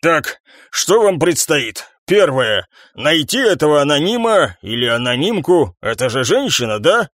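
A man voicing an irascible old police captain near retirement, yelling hoarsely in a storybook reading. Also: fairly high pitch, sing-song, measured pace, dry recording, clean studio sound, full character voice. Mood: grumbling.

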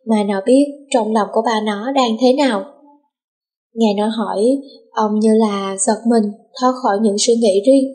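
Woman narrating a story, higher voice. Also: a little mellow. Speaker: audiobook narrator.

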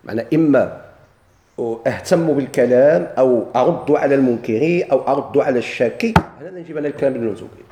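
Fast-talking Moroccan teacher in an echoey room. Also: male voice, medium pitch, animated, dark tone, muffled recording, a little hiss or hum. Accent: Moroccan Arabic. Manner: poses rhetorical questions and answers them himself. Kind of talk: grammar lesson.

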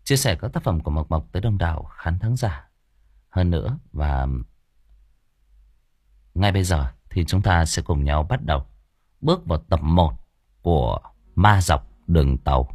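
A man hosting a live horror story reading, chatting with viewers and filling pauses with many soft fillers. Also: low voice, animated, no echo, studio quality. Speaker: storyteller and livestream host.

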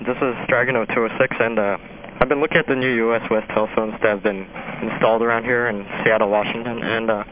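A man in casual talk on a payphone call, with loose, halting speech full of fillers. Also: mid-range voice, fairly even intonation. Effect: talking from a payphone over a phone line. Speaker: phone hobbyist leaving a message. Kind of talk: casual spoken message. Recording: tinny phone line with hiss.

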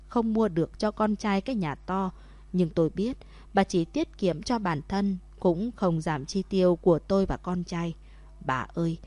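A woman's voice: medium pitch, mellow, dry recording, close to an everyday voice. A woman reading the lines of an older man tenderly proposing again to his wife in a storybook. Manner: tender, heartfelt.

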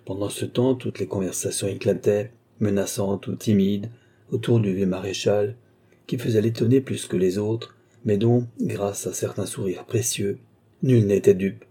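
A man reading a classic novel aloud as an audiobook narrator, lifting his pitch to voice the characters' dialogue. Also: steady tone, normal speed, mellow, husky. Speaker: audiobook reader.

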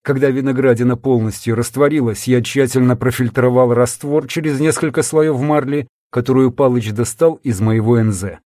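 A man narrating an audiobook in a steady, even reading voice. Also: mid-range voice, moderate pace, hardly any pauses, no echo, clean studio sound.

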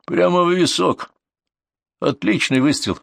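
Narrator playing an eager young detective, a touch raised, gravelly, dry. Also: male voice, a little high, a little slow, fairly bright tone, dry recording, pitched above the performer's own voice. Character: young male junior investigator, eager and loyal.

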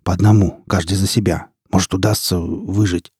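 A man playing a worn, desperate soldier officer, gruff and shouting orders in a storybook reading. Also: deep voice, steady tone, moderate pace, dry recording, clean studio sound. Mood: gruff urgency.

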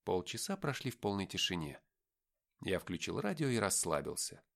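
A man narrating an audiobook in an expressive storytelling way. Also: low-pitched, moderate pace, vocal fry. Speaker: audiobook reader.

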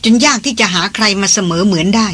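A reader voicing an earnest titled lady on a jungle trek, who talks fast when anxious. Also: mid-range voice, animated, fairly bright tone, slightly rough.

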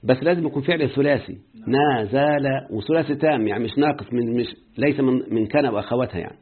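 A man's voice: mid-range voice, quick pace. A man with an Egyptian accent teaching an Arabic grammar lesson and often quizzing his students. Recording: muffled phone-like lo-fi audio.

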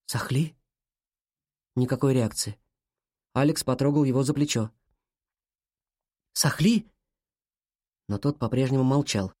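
Storybook narration, calm, mid pitch, dry close recording. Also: fairly quick, no room sound. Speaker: audiobook narrator.

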